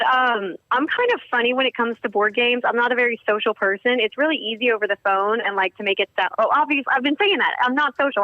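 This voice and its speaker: A woman's voice: a little high, dry recording. Chatty woman caller on a phone line. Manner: animated storyteller, acts out quotes. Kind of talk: casual chat.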